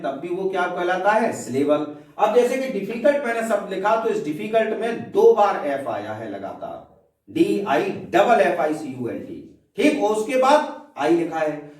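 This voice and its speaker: Male English tutor with a high, lively voice. Asks the class questions, then answers them. Heavy room echo, recorded from a distance. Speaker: English teacher. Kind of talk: classroom grammar lesson. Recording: echoey room, voice from far off.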